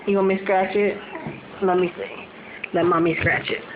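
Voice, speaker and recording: A woman, a mother, talking softly in repetitive baby talk to her infant for a home video. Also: on the low side, steady tone, normal speed. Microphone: camera mic. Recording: tinny lo-fi home video with background noise.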